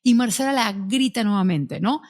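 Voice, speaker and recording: A woman hosting a casual interview, telling stories in an animated way. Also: medium pitch, moderate pace. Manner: animated storyteller. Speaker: host.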